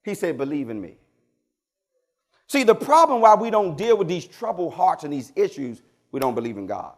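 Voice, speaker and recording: A pastor delivers a call-and-response sermon in a church. His voice sits high and swoops animatedly from line to line. He moves between loud, emphatic questions to the congregation and quiet, low asides. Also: big pitch swings, fairly quick.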